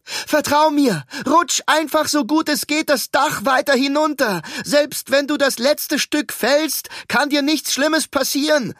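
An anxious young man, voiced by a male narrator, shouts upward in a high, strained voice. The calls are loud and urgent, pitched well above the narrator's own voice. The sound is dry and close. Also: measured pace, no echo. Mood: urgent calling.

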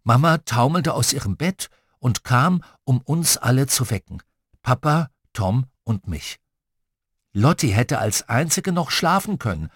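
A man reading a children's story aloud as its first-person narrator, in a playful and expressive storytelling manner. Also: mid-range voice, unhurried, breathy edge, dry recording, clean studio sound. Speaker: audiobook reader.

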